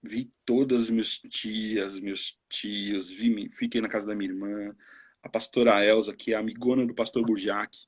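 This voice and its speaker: Speaking low, steady and husky at a moderate pace, this Brazilian missionary in his forties tells his story on a live stream. His testimony is casual, and he mimics the voices of the people he quotes.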